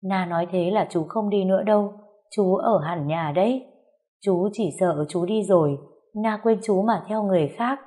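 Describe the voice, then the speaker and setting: A woman reading aloud and voicing a man, an uncle who pleads softly with the girl he loves. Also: mid-range voice, normal speed, natural voice. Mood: pleading.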